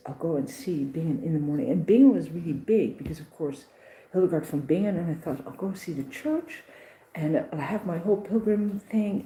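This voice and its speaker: A woman recounting her pilgrimage day in a casual, animated vlog, with many restarts and acted-out voices. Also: low-pitched, echoey room, rough recording. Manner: animated, acts out others' voices, restarts often. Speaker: pilgrim vlogger.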